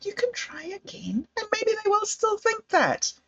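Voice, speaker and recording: Her voice very high and fairly bright, with big swings in pitch, a livestream host talks a little slowly about her projects in a doubtful, hesitant way. The casual monologue is captured in slightly dull lo-fi audio.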